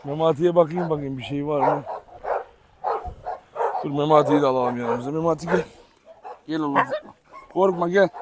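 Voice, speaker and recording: A man's voice: on the high side, lively intonation, moderate pace, pauses often, noisy background. A man talking frankly and wearily to his viewers in a casual vlog, outdoors in a yard full of dogs. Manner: weary, frank, speaks straight to viewers. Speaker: vlogger and dog keeper.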